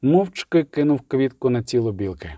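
A man narrating a novel with a steady, somber delivery. His voice is mellow and dark. It is recorded close and dry. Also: mid-range voice, normal speed, no echo. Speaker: audiobook narrator. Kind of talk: scripted narration.

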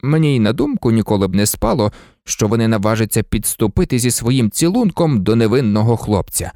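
A man's voice: medium pitch, very animated, a little fast, dark tone, no room sound, studio quality. A man voicing a flustered, blustering male official who grumbles and barks in an audiobook. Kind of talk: audiobook character voice.

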